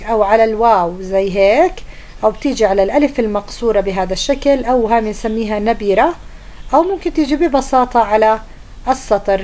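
Quick-talking woman teacher. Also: fairly high pitch, darkish tone. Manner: patient, checks in with pupils often. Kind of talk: explaining a grammar lesson to pupils.

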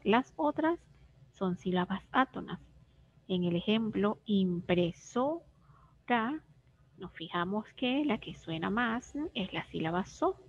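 A woman teacher giving a scripted reading lesson for young children, pronouncing each word clearly and carefully. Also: medium pitch, lo-fi sound. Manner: clear, careful syllable-by-syllable pronunciation.

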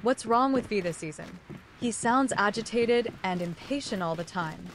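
A woman's voice: medium pitch, normal speed, a little hiss or hum. A woman narrating her own video game play as gameplay commentary. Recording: game music behind voice. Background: faint game music.

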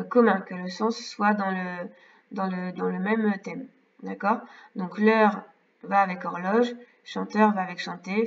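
A woman teacher with a French accent, slowly and carefully correcting exercises for young pupils step by step. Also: mid-range voice. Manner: slow, careful, explains step by step. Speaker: primary school teacher. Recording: distant, slightly dull mic.

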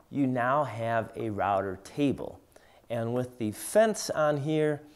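A man in his forties walks through his favorite workshop tools, talking at an unhurried pace. His voice sits at an ordinary middle pitch, and he explains each tool plainly and steadily as he demonstrates it. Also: a little mellow. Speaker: woodworking instructor. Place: home woodworking shop, indoors.

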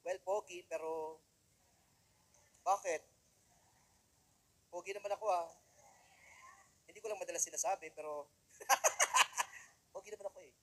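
A man's voice: high-pitched, a little slow, pauses often, pushed and bright, rough recording. A young man giving a joking, self-deprecating testimonial speech to an audience. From Philippines. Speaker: motivational speaker.

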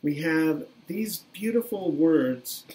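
A man in his fifties preaching a sermon by webcam from a small room, in an earnest, measured way that repeats key phrases. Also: a little high, lively intonation, darkish tone, poor audio. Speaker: pastor. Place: small plain room indoors. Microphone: webcam at desk, video recording.

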